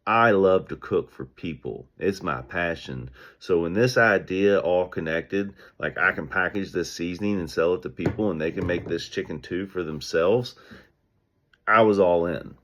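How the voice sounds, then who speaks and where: A man speaking as a business owner, telling stories and giving advice in an energetic, conversational way. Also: sits low, moderate pace, muffled recording. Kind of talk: casual motivational talk.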